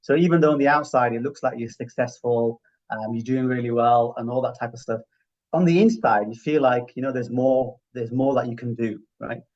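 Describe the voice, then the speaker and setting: A middle-aged man with a broad Yorkshire accent speaks in a reflective, conversational way, as an interview guest would. His pitch is average for a man and he often checks that the listener agrees. The audio is slightly dull and low in fidelity. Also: fairly quick, darkish tone. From Yorkshire, England. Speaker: interview guest, healthcare finance professional.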